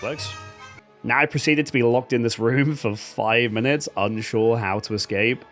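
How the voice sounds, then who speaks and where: A man's voice: mid-range voice, normal speed, faint music behind. A man giving sarcastic, comedic voice-over commentary on a video game he has played through. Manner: wry, sarcastic, animated, laughs at the game. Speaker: gaming video host.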